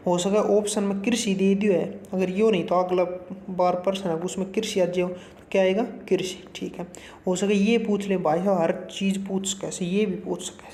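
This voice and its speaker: A man runs a casual exam-prep lesson, chatting folksily and slipping English terms into his explanations. His voice is mellow and warm. The recording has a roomy echo. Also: high voice, level tone, moderate pace. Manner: folksy, chatty, calls the viewer brother; mixes Hindi with English terms.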